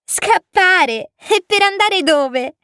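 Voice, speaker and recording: Squeaky eager little alien prince boy, woman doing the voice, storybook, bouncy and lively. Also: extremely slow, no echo, studio quality, full character voice. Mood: eager childlike. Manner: high, excited, childlike. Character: tiny curious alien boy prince, cheerful. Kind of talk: storybook reading.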